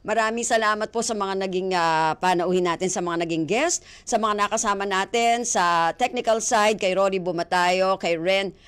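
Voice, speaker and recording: A woman's voice: medium pitch, normal speed, hardly any pauses, fairly bright tone, clean tone. Woman radio host, casual and playful, chats and teases her guest, studio mic. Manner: chatty and playful, laughs often. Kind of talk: casual radio interview chat.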